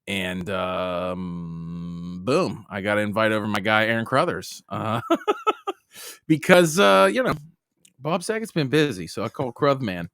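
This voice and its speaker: Bright-voiced jokey podcast host man. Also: on the low side, expressive, a little slow, clean tone, dry recording, clean studio sound. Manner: loose and jokey, says "dude" a lot. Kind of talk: casual comedy podcast chat.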